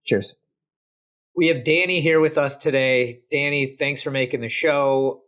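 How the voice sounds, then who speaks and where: A man's voice: medium pitch, fairly even intonation, a little slow, a bit bright. A man from India hosting an interview, often cutting in with short encouraging words. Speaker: podcast host.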